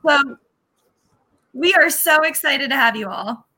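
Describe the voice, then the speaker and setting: A woman's voice: high-pitched, expressive, unhurried, sharp tone. A woman co-leading an educator group, introducing herself playfully and teasing others over a video call.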